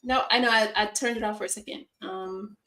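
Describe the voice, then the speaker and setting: A woman's voice: medium pitch, steady tone, fairly quick, pushed and bright. A woman co-hosting a casual livestream, chatty and self-deprecating, laughing easily. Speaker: co-host.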